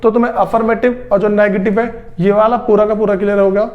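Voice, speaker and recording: High-voiced man teaching English grammar. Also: level tone, highs cut off. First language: Hindi. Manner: explains slowly, repeats steps, often says "theek hai" and clears his throat. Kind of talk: spoken grammar lesson.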